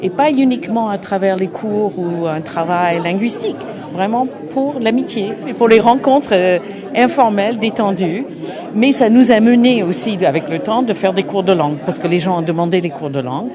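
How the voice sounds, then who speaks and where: A middle-aged American woman representing an association answers interview questions in English at a busy open day. She halts, hunts for words, and keeps restarting in a mid-range voice, with crowd chatter audible behind her.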